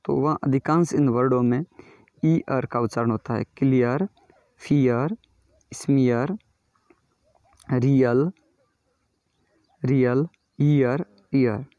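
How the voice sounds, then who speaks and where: A man teaching English pronunciation in a slow classroom style, reading word lists aloud and repeating each word. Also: mid-range voice, mellow, no echo. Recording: dull, lo-fi and dry.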